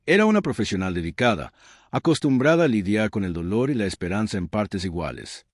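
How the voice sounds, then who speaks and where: Low-voiced guy telling a dramatic story, very animated delivery, dry close sound. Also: a little fast, no echo. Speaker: narrator. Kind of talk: scripted dramatic narration.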